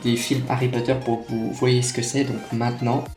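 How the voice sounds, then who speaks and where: A young man talks his way through an unboxing in a loose, chatty manner, full of fillers and self-corrections. His voice sits in a middle pitch. The room is echoey, with faint music behind. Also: little pitch movement, a little fast. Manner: chatty, many fillers and restarts. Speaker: magic unboxing vlogger. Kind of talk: casual unboxing chat. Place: room at a table. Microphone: camera on tripod.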